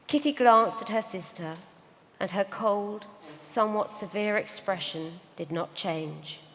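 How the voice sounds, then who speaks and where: A woman narrates a novel aloud at a live event. Her delivery is measured and low-key, in a mid-pitched voice. A long reverb carries through the large hall. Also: a bit bright, a little hiss or hum. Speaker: reader. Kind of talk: literary reading narration.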